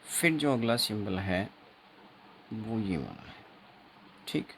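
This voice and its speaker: A man teaching an exam-prep phonetics lesson, explaining slowly and repeating himself, writing on a board as he talks, with Indian English words. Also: lowish voice, very animated, creaky, fairly bright tone, a little hiss or hum. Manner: slow, repetitive teaching with frequent checks; writes on a board while talking.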